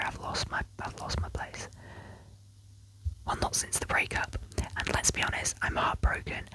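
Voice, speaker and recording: A woman in a whispered role-play as an ASMR judge, reading out posts with chatty asides and little self-corrections. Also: rough recording. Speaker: ASMR creator reading and judging online posts.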